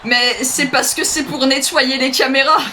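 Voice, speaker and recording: Bright-voiced joking man commentator. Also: very high voice, fairly even intonation, normal speed, slight background noise. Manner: mock-dramatic, joking. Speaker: co-host of a live stream. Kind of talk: playful live commentary.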